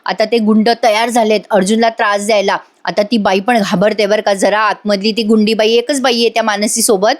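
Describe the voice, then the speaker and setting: A woman's voice: mid-range voice, steady tone, a little fast, hardly any pauses. A woman giving a chatty voice-over review of a TV serial episode, exclaiming and speaking straight to her audience.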